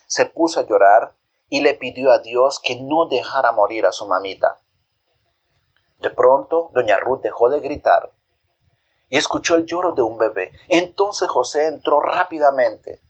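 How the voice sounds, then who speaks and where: A man tells a Bible story to children in a gentle, expressive way, pausing to ask them questions. His voice is husky with a mid pitch. The recording sounds dull and lo-fi.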